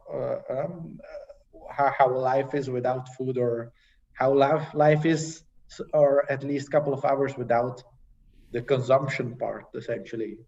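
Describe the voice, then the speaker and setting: A young man speaks as a panel guest in a relaxed, conversational way, often stopping with fillers and restarting. His voice sits at an ordinary pitch. The video-call audio is dull and sounds as if he is some way from the mic. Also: recorded from a distance. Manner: halting, many fillers and restarts. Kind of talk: casual conversational sharing.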